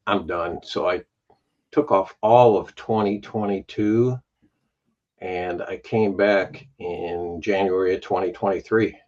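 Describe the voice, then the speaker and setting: A man with a Chicago accent chatting on a livestream, telling his story with a self-deprecating humor. His voice sits fairly low, and it comes through dull, lo-fi stream audio. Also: steady tone, takes it slowly, darkish tone. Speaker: YouTube vinyl channel host, guest. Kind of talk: casual livestream chat.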